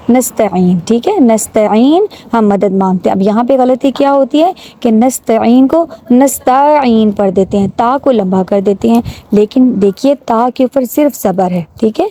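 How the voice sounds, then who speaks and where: A woman with a Pakistani Urdu accent, teaching prayer recitation, drawing out each word slowly and translating it, patiently pointing out common mistakes. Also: a little high, dark tone. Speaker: religious teacher.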